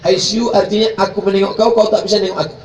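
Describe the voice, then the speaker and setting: Animated high-voiced male preacher, roomy and distant. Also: very fast, muffled recording. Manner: animated, mixing jokes with preaching and chanted Arabic prayers. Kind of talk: humorous live sermon. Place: live gathering, large space. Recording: roomy, distant mic, faint background noise.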